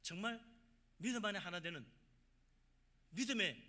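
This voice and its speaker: A man preaching a sermon as pastor of a church, with emphatic swings between loud exhortation and quiet asides. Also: high voice, lively intonation, moderate pace.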